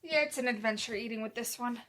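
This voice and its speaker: A woman's voice: a little high, quick pace, sharp tone, a little hiss or hum. A woman co-hosting a podcast, chatting casually in a teasing way. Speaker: podcast co-host. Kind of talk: casual chat.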